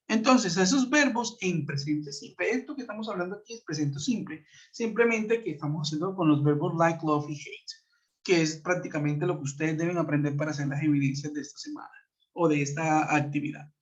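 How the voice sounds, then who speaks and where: A man teaching an online class, explaining patiently, checking in with his students and reading example sentences slowly. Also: a little high. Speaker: English teacher. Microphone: computer mic on a web conference. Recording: muffled web-conference audio.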